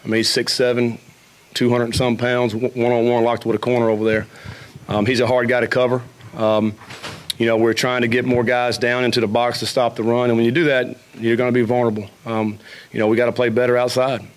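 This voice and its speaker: Quick, level-toned answers from a middle-aged man speaking into a table microphone at a press conference. He talks in a steady, even pitch and keeps circling back with fillers and restarts as he breaks down a game. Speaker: head football coach. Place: press conference room with a logo backdrop.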